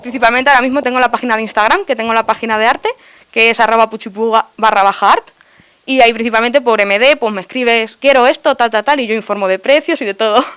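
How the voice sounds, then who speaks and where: Young woman with a smooth, high voice. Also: fast, a bit bright. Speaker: artist guest. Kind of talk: interview answers.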